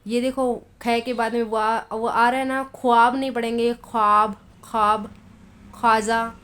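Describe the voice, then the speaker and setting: A woman teaching a lesson, reading example words one at a time and explaining patiently. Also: a little high. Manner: patient, repeats examples slowly, then explains quickly. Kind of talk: Urdu phonetics lesson.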